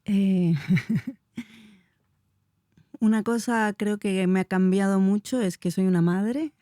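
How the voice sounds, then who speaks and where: Speaking slowly in a warm, mid-range voice, a dance teacher and movement researcher from Chile, in her forties, responds to interview questions. She gropes for her answers with lots of fillers, and the studio-quality audio has no echo.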